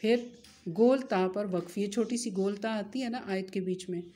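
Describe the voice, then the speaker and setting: A woman's voice: mid-range voice, normal speed, warm tone. A woman with an Urdu-speaking accent teaching a religious lesson, patiently explaining each rule and asking rhetorical questions that she then answers herself. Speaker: Quran recitation teacher. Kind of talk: explanatory lesson with recited Arabic.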